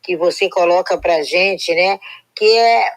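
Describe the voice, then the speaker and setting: A woman's voice: lowish voice, unhurried, low-quality recording. A woman giving a reflective spiritual talk on a live stream, speaking in long flowing sentences and often adding "né" to check in with her listeners. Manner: flowing, reflective, full of "né" tags.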